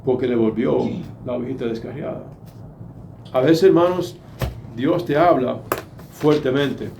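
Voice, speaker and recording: A middle-aged man preaching a sermon, emphatic, acting out quoted voices and moving between soft and loud delivery. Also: mid-range voice, measured pace, vocal fry, a little hiss or hum.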